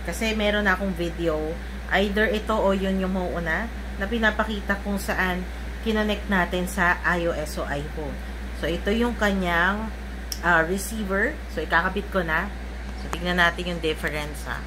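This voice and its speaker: Speaking at a moderate pace in a lowish voice, this product reviewer with a Filipino accent chats casually through a gadget demo, switching between two languages. A steady air conditioner or fan hum fills the noisy room.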